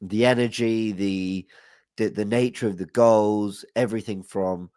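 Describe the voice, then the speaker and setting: On a casual football podcast video call from his home room, a young man speaks in an unhurried, lowish voice that is dark, steady, clear and resonant. He is stuffy from hay fever, nervous, rambling and full of apologies. The studio mic with headset yields clean studio sound without room sound.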